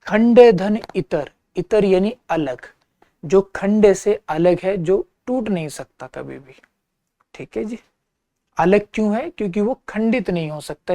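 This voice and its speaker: A man's voice: high-pitched, dark tone, no echo. A man teaching an exam-prep lecture, patiently repeating key terms and checking in with his listeners.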